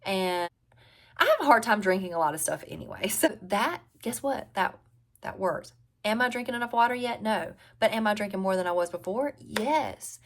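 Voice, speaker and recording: A woman's voice: medium pitch, animated, moderate pace. A woman in her forties with a Southern US drawl, giving casual, conversational advice as a health coach and repeating key phrases for emphasis. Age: 40s. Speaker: health and weight-loss coach. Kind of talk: casual advice talk to viewers.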